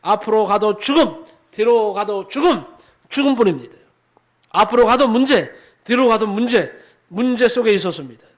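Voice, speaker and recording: A male pastor delivering a sermon, preaching dramatically with loud exhortations and hushed asides. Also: sits high, animated, moderate pace.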